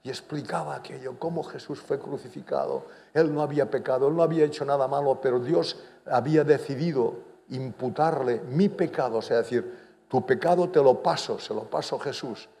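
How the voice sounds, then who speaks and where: A man's voice: brisk, vocal fry, mellow. An older man preaches a sermon, telling his own story with conviction. His voice sits in a middle register and swells whenever he drives a point home. The sound carries a long reverb the church hall. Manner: emphatic, rises in pitch and volume on key points. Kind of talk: sermon with personal testimony.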